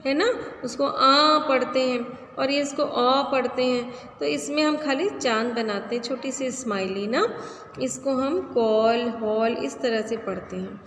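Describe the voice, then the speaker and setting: A woman's voice: high voice, measured pace, fairly bright tone. A woman teaching a grammar lesson to children, asking a question and answering it herself, repeating key terms. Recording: echoey room with faint background noise.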